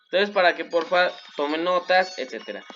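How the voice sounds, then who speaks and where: Mexican man teaching in slightly high voice. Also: animated, a bit bright. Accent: Mexican Spanish. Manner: patient, repeats examples slowly, frequent fillers. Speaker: French teacher. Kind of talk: recorded online class explanation. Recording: slightly dull lo-fi recording with faint noise.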